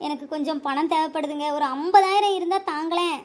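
Woman as a worried cartoon young wife, high voice, pleading. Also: fairly quick, lightly acted. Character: young wife, anxious, devoted daughter. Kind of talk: cartoon voice acting.

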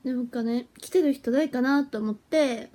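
A young idol woman hosting a casual phone livestream. Her voice sits high, with a mellow, breathy tone. She chats and giggles freely and gets flustered easily. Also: normal speed. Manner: chatty and giggly, flustered when her stream freezes.

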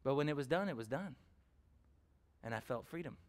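A man's voice: mid-range voice, lively intonation, brisk, creaky. A man preaching a sermon, telling personal stories in a conversational way, with fillers and questions put to the congregation. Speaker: pastor.

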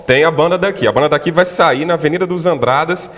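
Thirties male presenter, polished read, slightly high voice, lapel mic in a reverberant studio. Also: fast talker, fairly bright tone. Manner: smooth, scripted presenter delivery. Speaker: TV show host. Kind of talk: hosting a TV interview.

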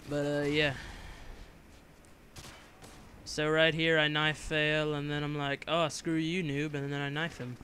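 A young man talks over his gameplay in a bright, slightly raised voice, rambling and joking with frequent fillers. He has a lingering cough. A faint hiss sits under the recording. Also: on the high side, monotone, moderate pace. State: coughing from a cold. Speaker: gameplay commentator. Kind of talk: casual game commentary voice-over.

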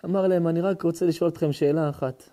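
A rabbi tells a story during his sermon, acting out the dialogue with sudden high, excited voices and shouts.

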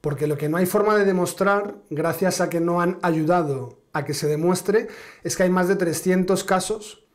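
A man delivering a political commentary monologue in a rather high voice. He speaks with biting sarcasm and stretches key words for emphasis, repeating phrases for effect. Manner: sarcastic, emphatic, drawn-out dramatic stresses.

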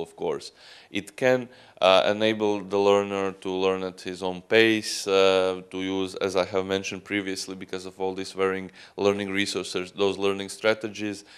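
A man's voice: low voice, clean tone. Hesitant man talking into a handheld mic. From Croatia. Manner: hesitant, many fillers and restarts. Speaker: student union representative. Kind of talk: conference talk. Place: hotel conference room. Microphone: handheld microphone.

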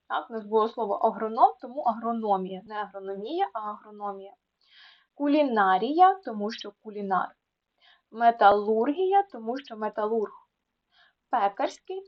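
A woman tutor explaining a lesson to students, repeating words slowly to contrast where the stress falls, with small fillers between them. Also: a little high. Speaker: Ukrainian language tutor. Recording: dull lo-fi sound.

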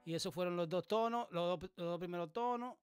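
A man hosting a music production tutorial, explaining things casually with many pauses and fillers. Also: sits high, clean tone. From Dominican Republic. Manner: relaxed, explanatory, many hesitations. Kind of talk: casual screen-recorded tutorial. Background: beat playing in the background.

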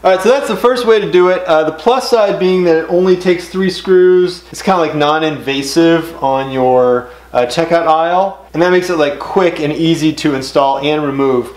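A middle-aged man giving relaxed, step-by-step how-to instructions while building in his home workshop. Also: fairly high pitch, normal speed, hardly any pauses. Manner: relaxed, step-by-step explaining with casual fillers. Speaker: DIY builder. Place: home woodworking garage workshop. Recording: echoey workshop with clear background noise.

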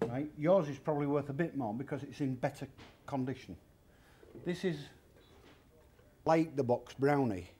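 Slight background noise accompanies a mellow, medium-pitched man speaking at a moderate pace. In his fifties and owner of a secondhand shop, he chats plainly during an interview in a big indoor furniture warehouse, demonstrating old items and explaining prices step by step.

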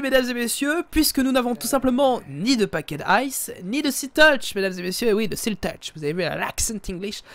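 A man giving live, chatty commentary while playing a game, talking into a headset and often addressing his viewers as ladies and gentlemen. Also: extremely high pitch. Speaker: let's play streamer.

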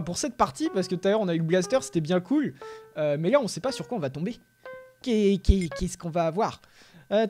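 A man with a high voice gives running commentary on his gameplay for YouTube. His talk is steady until fights start, when he shouts and yelps.

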